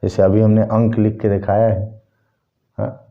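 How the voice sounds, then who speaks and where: A man's voice: lowish voice, flat delivery, measured pace, phone-quality sound. A man teaching a Hindi lesson at a board, explaining step by step and using a short story as an example.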